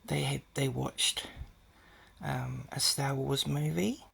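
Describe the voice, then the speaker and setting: A man rambling through a casual video update in an extremely gravelly voice. He hesitates constantly, restarting phrases and filling gaps. His tone is very husky and often sinks to a whisper. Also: medium pitch, fairly even intonation, takes it slowly, a bit bright. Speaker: vlogger.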